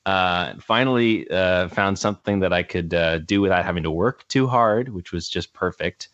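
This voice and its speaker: A man's voice: low-pitched, normal speed, a bit bright, no room sound. A man in his twenties, a guest actor and musician, chatting casually and rambling with many fillers and restarts. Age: 20s. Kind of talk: casual interview chat. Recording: slightly dull, dry sound.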